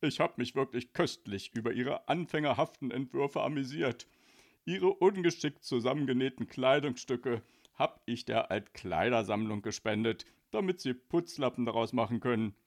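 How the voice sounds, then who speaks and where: A man voicing a snooty, mocking fashion boss in a children's audiobook, sneering loudly and haughtily. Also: medium pitch, animated, normal speed.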